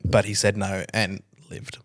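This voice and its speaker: Hoarse woman with a lowered, half-sick voice. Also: measured pace, no room sound, studio quality. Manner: rambling, deadpan jokes, many fillers. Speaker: podcast co-host. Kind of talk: casual chat.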